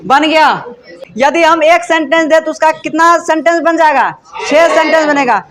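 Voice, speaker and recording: Man, grammar teacher, sharp bright tone, call-and-response quizzing. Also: extremely high pitch, moderate pace. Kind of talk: classroom lesson.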